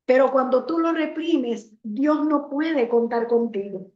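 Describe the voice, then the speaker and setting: Female preacher, storytelling sermon, high voice, dull echoey hall sound. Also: measured pace, darkish tone. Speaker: pastor.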